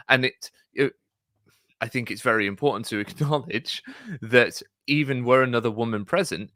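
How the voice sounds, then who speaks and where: A man's voice: medium pitch, sharp tone, no echo, clean studio sound. A man hosting a casual discussion, talking in a thoughtful, analytical way with frequent fillers. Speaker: podcast host.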